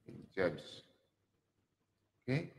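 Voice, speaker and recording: Animated man teaching Bible, echoey room. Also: sits low, creaky. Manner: animated, joking, self-mocking; reads verses slowly, drawn out. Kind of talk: casual online Bible teaching. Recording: echoey room with long reverb.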